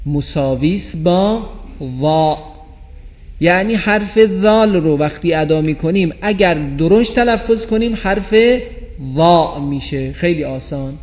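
A man with a somewhat high voice leads a tajweed pronunciation lesson. He explains the letters clearly and draws out the sample words in slow chant. The sound is muffled and lo-fi, with a long hall reverb. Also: a little mellow. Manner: slow drawn-out chanted recitation of example words; clear explanatory teaching tone, addressing viewers. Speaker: Quran recitation teacher. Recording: dull lo-fi recording with long reverb.

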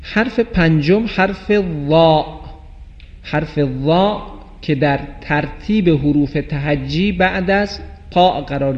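A man with a somewhat high voice leads a tajweed pronunciation lesson. He explains the letters clearly and draws out the sample words in slow chant. The sound is muffled and lo-fi, with a long hall reverb. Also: darkish tone. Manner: slow drawn-out chanted recitation of example words; clear explanatory teaching tone, addressing viewers. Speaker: Quran recitation teacher. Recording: dull lo-fi recording with long reverb.

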